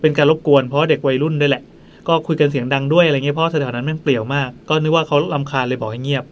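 A man hosting a podcast, telling a ghost story in a quick, chatty way into a studio mic. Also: on the high side, fairly even intonation, a little hiss or hum. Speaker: podcast host.

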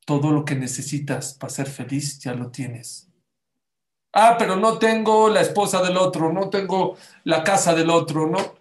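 Male religious speaker, emphatic motivational sermon, slightly raised voice, roomy echo. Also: fairly high pitch. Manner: emphatic, keeps asking the audience rhetorical questions. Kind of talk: motivational sermon to a live audience. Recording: echoey room.

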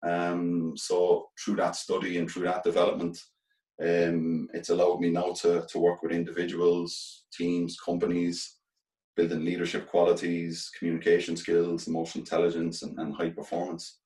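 A middle-aged man with a Galway accent from the west of Ireland, speaking earnestly and haltingly as an interview guest. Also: low-pitched, monotone, a little mellow, far from the mic. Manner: earnest, halting, repeats phrases as they think aloud. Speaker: interview guest, former professional footballer turned coach. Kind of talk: reflective interview talk. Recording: echoey room, off from the mic.

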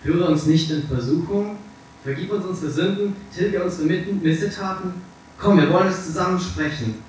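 Man doing pleading old painter, raised pitch, distant mic, echoey hall. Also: steady tone, a little fast, hardly any pauses, a little hiss or hum, lightly acted. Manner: urgent, imploring. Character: elderly male painter, pleading and devout.

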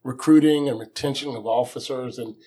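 A man's voice: medium pitch, a little fast, warm tone. A man, a police recruiter, chatting on a podcast in an upbeat, eager way. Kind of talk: casual podcast chat. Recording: roomy echo with faint noise.

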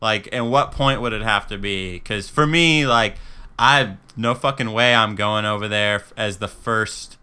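A man's voice: lowish voice, unhurried, sharp tone, smooth. A man hosting a podcast, telling stories loosely and laughing often. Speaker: podcast host. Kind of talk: casual chat.

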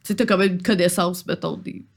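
A woman's voice: on the low side, fairly even intonation, fairly quick, creaky. A woman with a Quebec French accent, narrating a tabletop game as game master in a chatty, descriptive way. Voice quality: chatty, descriptive, with frequent fillers.

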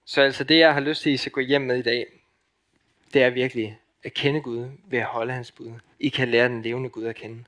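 A young man preaches in a Danish accent, his voice bright and ringing. He delivers the sermon with passion, pushing up into loud emphatic peaks and then dropping to hushed, intimate lines. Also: medium pitch, level tone.

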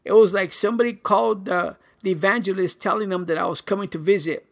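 An older man giving a personal church testimony, earnest and halting, with many pauses and fillers. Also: high-pitched, fairly even intonation, creaky.

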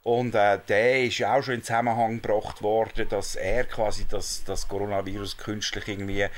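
A man with a Swiss German accent in casual podcast chat, making sarcastic remarks and dropping in quick agreements. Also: fairly low pitch, flat delivery.

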